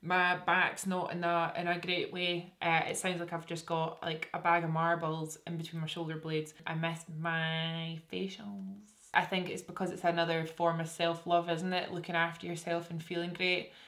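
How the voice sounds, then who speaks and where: Young woman with broad Scottish accent, lowish voice. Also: monotone, moderate pace, few pauses, a bit bright. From Scotland. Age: young adult. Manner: candid, informal, jokey. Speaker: beauty YouTuber. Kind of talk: casual chatty vlog while doing makeup. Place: indoors, small room with curtain backdrop.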